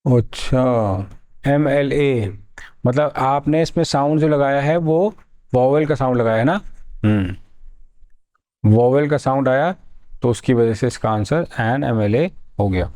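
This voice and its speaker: A man teaching a grammar lesson for exam preparation, explaining slowly, repeating words and acting out his students' questions. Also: mid-range voice, warm tone. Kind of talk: exam-prep grammar lecture.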